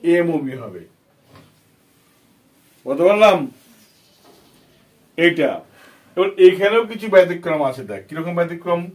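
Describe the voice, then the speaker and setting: In a fairly high, expressive voice, a man with a Bengali accent teaches children an English grammar lesson at a measured pace. He pauses often, patiently goes over points again and again, and quizzes his students with questions.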